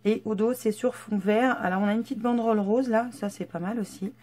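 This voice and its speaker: A woman's voice: on the high side, steady tone, brisk, a little mellow. A woman vlogger casually presenting scrapbooking papers, chatty and hesitant with many fillers. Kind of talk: casual haul show-and-tell.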